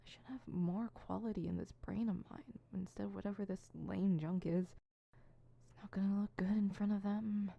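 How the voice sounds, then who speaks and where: A woman plays an insecure, theatrical supervillain rehearsing monologues in an ASMR roleplay, a scripted solo audio drama, flipping between fumbling, self-conscious mutters and pompous verse recital. Flustered and self-critical, she speaks at normal speed in a mid-range, creaky voice with fairly even intonation. The recording is muffled, with no room sound.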